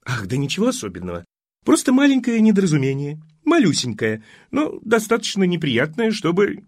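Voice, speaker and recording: A man voicing a fussy, scatterbrained elderly mother in an audiobook, talking in a high, rambling, emphatic way. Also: huge pitch swings, a little fast, no room sound, full character voice. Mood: fussing. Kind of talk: audiobook character voice.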